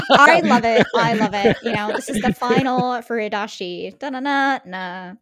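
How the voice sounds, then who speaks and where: A woman's voice: on the high side, expressive, measured pace, over a noisy crowd. A woman co-hosting a podcast in casual chat, playful and full of jokes. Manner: playful, jokey. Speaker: podcast co-host.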